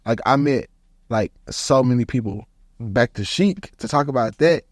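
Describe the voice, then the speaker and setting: A man's voice: mid-range voice, moderate pace, no room sound, studio quality. A man, hosting a casual podcast and telling stories in slang, leaning on "bro". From Houston, Texas. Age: 30s. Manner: animated storytelling, slangy, repeats "bro". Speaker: podcast host.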